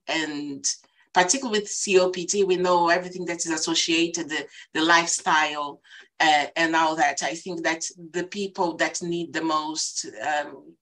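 A lower-voiced woman whose first language is Portuguese speaks as a panelist in a video-call panel discussion from a small indoor room. Thoughtful and hesitant, she restarts often; her laptop webcam mic gives poor, slightly bright audio.

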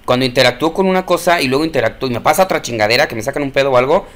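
A young horror game streamer with a Mexican Spanish accent talks rapid-fire in a medium pitch, cursing often, jumping at scares, and talking back to the characters.

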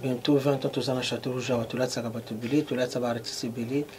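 A man's voice: medium pitch, level tone, fast, a little mellow, slight background noise. A middle-aged man from Congo, a fashion designer, interviewed in a clothing shop, mixing French and Lingala with emphasis. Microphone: handheld mic held by interviewer.

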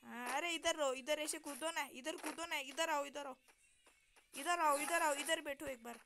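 A woman streamer giving excitable live gameplay commentary, swearing and shouting orders at her teammates. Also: high voice, normal speed. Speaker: gaming streamer. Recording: heavy background noise.

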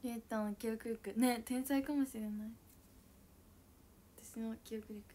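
A young woman with a high, bright voice and a chats casually with viewers on her livestream. She is bubbly and giggly, and she talks loudly. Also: steady tone, a little slow. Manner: giggly, bubbly, frequent laughter; self-describedly loud voice. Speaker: idol livestreamer. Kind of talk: casual chat reading viewer comments.

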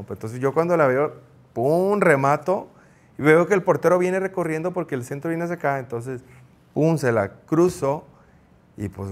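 Mexican man telling a story. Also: a little high. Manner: animated anecdote telling with quoted shouts. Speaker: guest, former goalkeeper. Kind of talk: storytelling in an interview.

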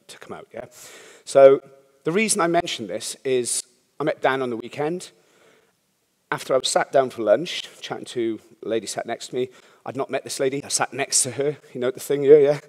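A man's voice: mid-range voice, darkish tone. A man, a startup founder, giving a candid, rambling talk at a conference, often checking in with the audience. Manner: rambling, frank, swears casually, asks audience "yeah?". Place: conference hall. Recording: long hall reverb.

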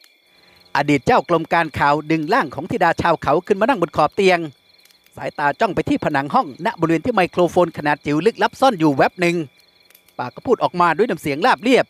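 A male audiobook narrator reads a classic novel in a steady, even way. His voice sits slightly higher than most men's.

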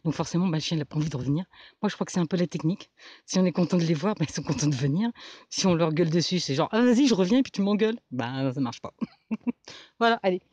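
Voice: medium pitch, quick pace, darkish tone, husky, no room sound, lo-fi sound. A vlogger chatting informally outdoors on a forest path while giving tips to dog owners. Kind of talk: casual outdoor vlog, informal chat.

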